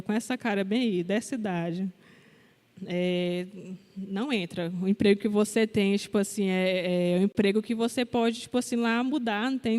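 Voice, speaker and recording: Young woman sharing her testimony at church, high-ish voice, big hall echo, chatty and earnest. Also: darkish tone. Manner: earnest, conversational, many fillers. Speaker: testimony speaker at a church service. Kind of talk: spoken testimony in a service.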